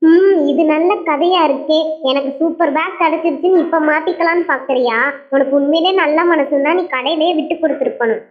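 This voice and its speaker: A woman's voice: high voice, fairly quick, close to an everyday voice. A woman voicing a jealous, spiteful schoolgirl doll in a doll show, talking in a taunting, scornful way. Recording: tinny, phone-like sound.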